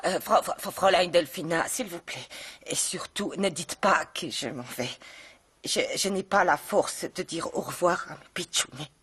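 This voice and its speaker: An actress playing a sentimental German governess with a German accent, halting and emotional, in a dubbed telenovela. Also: female voice, lowish voice, fairly bright tone, husky. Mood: tearful, pleading. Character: sentimental, bossy German governess, stammering and tender.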